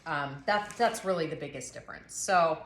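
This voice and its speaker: Lower-pitched woman, echoey snack review. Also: moderate pace, fairly bright tone. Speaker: co-host of a snack taste test. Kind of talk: casual chat while tasting food. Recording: echoey room with clear noise.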